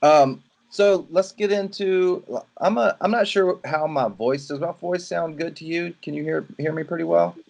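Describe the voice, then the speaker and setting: A man's voice: on the high side, moderate pace, gravelly, few pauses, darkish tone. A man from Louisiana with a Southern accent, mentoring someone in a rambling, filler-heavy chat over a video call. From Louisiana, USA. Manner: rambling, many fillers and restarts. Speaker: photography mentor. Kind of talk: casual video-call conversation.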